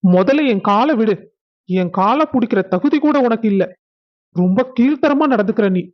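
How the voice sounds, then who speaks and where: A man's voice: high voice, animated, normal speed. A man acting an angry husband who harshly scolds his wife. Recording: dull lo-fi sound.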